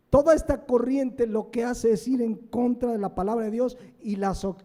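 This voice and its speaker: A man's voice: extremely high pitch, warm tone, big-room sound. A man with a Mexican Spanish accent preaching a sermon. He is emphatic and asks questions that he answers himself. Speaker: pastor. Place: church sanctuary.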